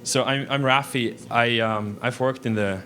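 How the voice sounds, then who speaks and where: A man's voice: mid-range voice, fairly even intonation, a little slow, pushed and bright, soft background music. A man, giving a technical presentation in a casual way, with frequent restarts and fillers. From Switzerland. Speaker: conference speaker. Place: lecture room.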